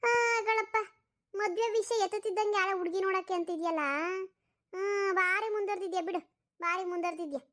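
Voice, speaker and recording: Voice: extremely high pitch, steady tone, fairly quick, fairly bright tone. A woman doing a bossy, mocking old mother. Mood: mocking scold. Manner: scolding, mocking. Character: sharp-tongued old mother, bossy mother-in-law. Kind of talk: cartoon voice acting.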